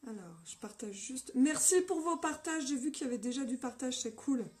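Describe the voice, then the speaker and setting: A woman with a slightly hoarse voice hosting a casual live-stream makeup tutorial on her phone, upbeat and greeting viewers by name. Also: high-pitched, animated, moderate pace, a little mellow.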